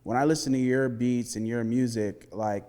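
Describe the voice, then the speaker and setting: A man hosting an interview, relaxed and conversational, with lots of "you know" fillers. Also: mid-range voice, moderate pace, big-room sound. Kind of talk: casual interview.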